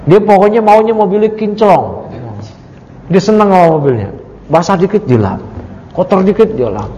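A man's voice: sits high, lively intonation, moderate pace, warm tone, muffled recording, a little hiss or hum. A man teaching a study-circle lesson on a creed text, reading Arabic lines and explaining them in casual, joking chat while quizzing his audience. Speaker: Islamic religious teacher. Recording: long hall reverb.

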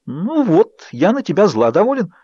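An earnest young woman pours out her feelings in raised, pleading lines, as a male audiobook reader lifts his voice to play her. The voice sits noticeably higher than a man's usual speech and rises sharply when upset. The recording is dry and slightly dull. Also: very animated, moderate pace, dark tone, husky, no room sound, heavily acted. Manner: pleading, heated outbursts.

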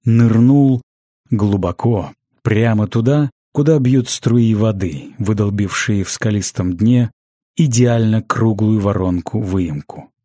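A man narrating a fantasy audiobook in a measured, even storytelling manner on a close studio mic. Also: fairly low pitch, no room sound.

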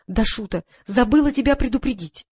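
A woman voicing a carefree young press secretary in an audiobook, with breezy, rapid, cheerful chatter. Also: on the high side, expressive, a little mellow, husky, no room sound, clean studio sound, pitched above the performer's own voice. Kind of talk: audiobook reading.

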